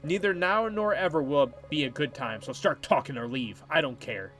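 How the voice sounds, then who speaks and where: A man's voice: fairly high pitch, normal speed, a bit bright, faint music behind, natural voice. A man reading a curt, dismissive woman. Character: sharp-tongued woman, stranded motel guest. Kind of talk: reading game dialogue aloud.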